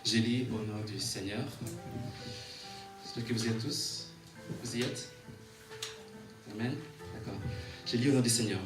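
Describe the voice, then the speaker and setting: A male preacher of medium pitch, recorded from afar in an echoey room with music clearly behind him, preaches and reads scripture. He hesitates over the reading, restates and rephrases his lines in a rhythmic cadence, and keeps asking for amens.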